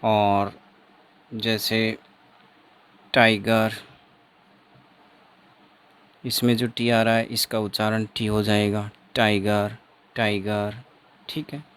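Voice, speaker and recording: A man's voice: on the low side, little pitch movement, slow, long pauses, a bit bright, clean tone. A man teaching an exam-prep phonetics lesson, repeating each sound and example several times.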